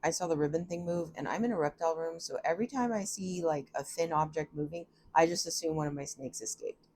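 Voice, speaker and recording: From a room at home, a woman reads tarot in a casual, chatty way, thinking out loud and often laughing at herself. Her voice is low and a little mellow, and she talks quickly.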